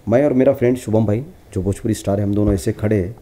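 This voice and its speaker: A middle-aged man telling stories in an interview, lively, and acting out the lines of the people he quotes. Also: fairly low pitch, fast. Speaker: celebrity lookalike actor interviewee. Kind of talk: casual storytelling interview.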